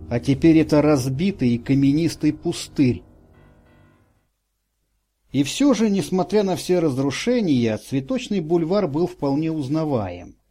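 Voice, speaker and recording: A man narrating an audiobook in a measured, dramatic way. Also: a little high, dark tone, breathy edge. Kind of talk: scripted narration.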